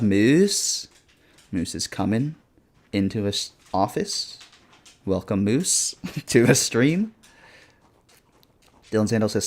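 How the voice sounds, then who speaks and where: A man's voice: fairly low pitch, darkish tone. A man streaming a horror game live, commenting casually with slang and reacting in a scared, jumpy way. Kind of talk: live gaming commentary with asides to chat.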